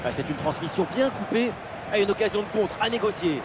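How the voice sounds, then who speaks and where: High-pitched excited male football commentator. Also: a little fast, heavy background noise. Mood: eager, focused. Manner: exclamatory, voice leaping up on goals.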